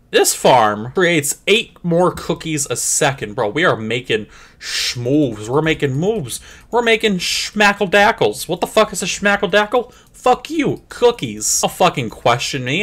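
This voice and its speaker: A young man rambles through a clicker game in crude, profane, joking commentary. His pitch swings all over the place and often jumps into a squeaky high voice for a gag. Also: a bit bright. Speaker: gameplay commentator. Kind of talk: comedic let's play commentary.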